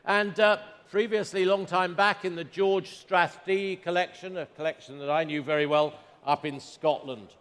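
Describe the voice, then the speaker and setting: A man's voice: high voice, steady tone, normal speed, hardly any pauses, fairly bright tone, smooth. A man working as a fine art auctioneer, calling bids to a saleroom and repeating figures in clipped phrases. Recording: reverberant large hall.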